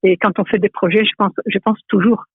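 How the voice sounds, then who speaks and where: A middle-aged woman from Italy, a native Italian speaker with an Italian accent, answering interview questions as an architecture professor, thoughtful and hesitant with many pauses and restarts. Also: medium pitch, steady tone, slightly rough, no echo. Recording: tinny phone-like line, dry.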